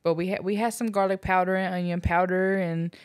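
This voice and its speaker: Young woman, lowish voice, dry close sound, teasing storyteller in casual couple chat. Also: fairly even intonation, a little fast, clean tone, no room sound. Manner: teasing, laughs often, storytelling. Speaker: co-host, wife.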